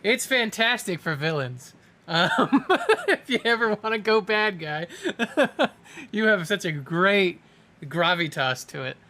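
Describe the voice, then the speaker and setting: A man's voice: sits high, very animated, slow, pushed and bright. A man acting as game master, narrating and chatting with players in a tabletop game, with casual asides and self-corrections.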